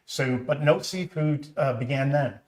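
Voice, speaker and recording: A man's voice: mid-range voice, a little slow, darkish tone. A middle-aged man with a Boston accent, a company founder hosting a live stream, telling his story in a chatty, earnest way. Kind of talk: casual live-stream chat. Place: home kitchen. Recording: echoey room.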